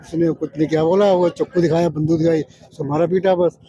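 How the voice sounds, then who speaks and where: A man bystander outdoors, retelling what he heard in a plain, halting way. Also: a little high, steady tone, warm tone, slightly rough, no room sound. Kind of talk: street interview answers. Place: outdoors in a crowd.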